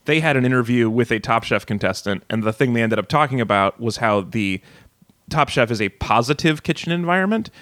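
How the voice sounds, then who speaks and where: A man's voice: medium pitch, animated, a little fast, a bit bright, dry recording, clean studio sound. A man hosting a casual podcast chat, playful, explaining things at length. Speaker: podcast host.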